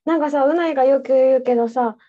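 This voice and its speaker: A woman co-hosting a casual podcast chat, teasing and tossing out quick jokes. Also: high voice, narrow, tinny audio. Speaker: podcast co-host.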